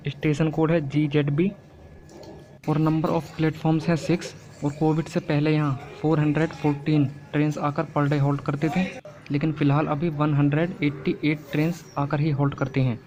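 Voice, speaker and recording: A man narrates a travel vlog, listing details in an informative, scripted way. His voice sits a little high and stays very even. There is faint noise behind him. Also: moderate pace. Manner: informative, reciting facts and figures. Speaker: travel vlogger. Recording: dull audio with faint noise.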